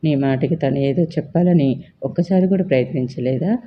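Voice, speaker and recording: A man's voice: on the high side, moderate pace, highs cut off, a little hiss or hum, natural voice. A storyteller voicing a frustrated young man who heatedly argues with his mother. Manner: heated, accusing, insistent.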